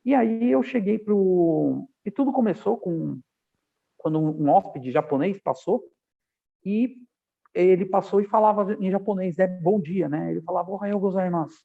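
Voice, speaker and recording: A fairly high-pitched man with a husky, gravelly edge, from Brazil, telling stories in a lively, animated way and playing the voices of the people he quotes. The sound is narrow and thin, like a phone call. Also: normal speed. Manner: animated storyteller, acts out quoted dialogue. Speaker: podcast guest, aviation professional. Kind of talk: casual interview storytelling. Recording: tinny phone-like line.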